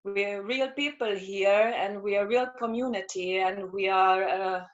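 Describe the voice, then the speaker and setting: Hungary-born woman in her 40s, earnest, halting, on headphones, dull call sound. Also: medium pitch, steady tone. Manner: earnest, moved, hesitant with fillers. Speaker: community member. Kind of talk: casual chat on a video call. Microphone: headphones on a video call.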